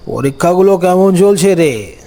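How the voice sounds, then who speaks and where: Speaking in a voice that sits high, a man narrates a scripted first-person story from an uncle's perspective. His delivery is unhurried, expressive, and dramatic.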